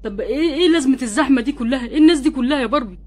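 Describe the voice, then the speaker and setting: A sick, remorseful young husband doll, voiced by a woman who pleads and complains in an Egyptian Arabic accent. The voice sits high and runs quick, a homemade doll-play story with an earnest emotional tone. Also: lively intonation, a little mellow. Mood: surprised. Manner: plaintive, pleading, tearful when moved.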